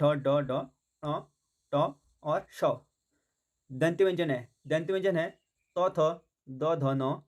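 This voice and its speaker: A man teaching a Hindi grammar lesson for exam preparation. He asks questions and answers them himself, repeats points often, fills gaps with "theek hai" and mixes English words into his Hindi. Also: a little high.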